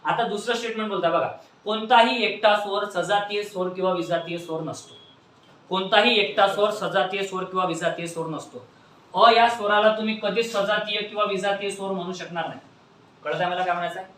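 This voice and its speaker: A man's voice: high voice, steady tone, a little fast, fairly bright tone, a little hiss or hum. A man teaching grammar in a classroom lecture, asking questions over and over and prompting his students to answer back. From Maharashtra, India. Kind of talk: classroom lecture with call-and-response. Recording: echoey classroom from far off.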